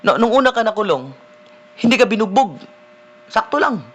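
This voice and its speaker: A man, a deliverance minister preaching a sermon in a conversational way, often checking in with the listeners with a quick "no?". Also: high voice, sing-song, fairly bright tone. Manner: conversational preaching, mixing in English phrases, frequent "no?" tag questions.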